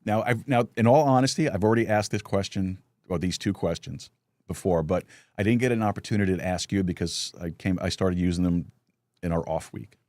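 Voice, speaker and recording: A middle-aged man hosts a relaxed live conversation, his voice sitting very low. He tells stories loosely, restarting phrases and chuckling along the way. The sound is dry and close. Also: brisk, no room sound. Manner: storytelling with lots of restarts and chuckles. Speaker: podcast host. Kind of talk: casual live chat.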